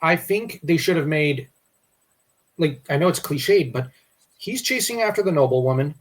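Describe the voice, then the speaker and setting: Rambling man with a higher voice. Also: lively intonation, normal speed. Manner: rambling, restarts often. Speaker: podcast co-host. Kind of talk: casual history discussion.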